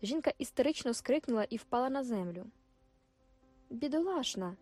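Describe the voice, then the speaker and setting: A woman reading a classic novel aloud as audiobook narrator, measured and expressive. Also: medium pitch, faint music behind.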